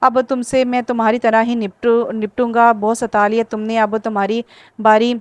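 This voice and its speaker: A curt, sarcastic young groom in a storybook reading, teasing and stubborn, who keeps his voice calm and offhand, as a woman reader puts him on. The tone sits fairly high and stays even, with a smooth, clear sound and a dry, close feel. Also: moderate pace, no echo, lightly acted.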